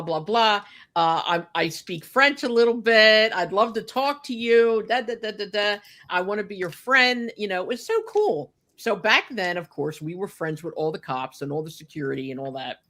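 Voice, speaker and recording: An older woman reminisces on her podcast in a voice on the low side and a bit bright. She talks casually and without a script, chatty and emphatic, regularly breaking off to speak to her listeners.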